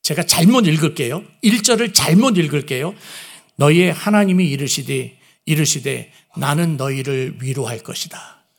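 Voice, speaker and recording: A man's voice: fairly high pitch, animated, normal speed, creaky. A man preaching a sermon who asks his listeners questions and acts out the lines he quotes. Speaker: pastor.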